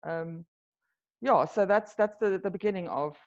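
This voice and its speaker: A woman speaks at a moderate pace in a medium-pitched, slightly mellow voice, with the highs cut off. She's a South African wine tour company founder, a native Afrikaans speaker with a South African accent, guesting on an interview. Her answers are casual and hesitant, full of ums and restarts.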